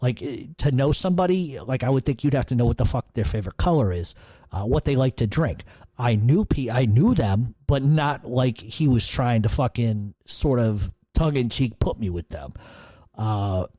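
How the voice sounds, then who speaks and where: A man's voice: medium pitch, lively intonation, moderate pace, mellow, dry recording. A man telling a story in a blunt, profane, casual way, as a podcast host.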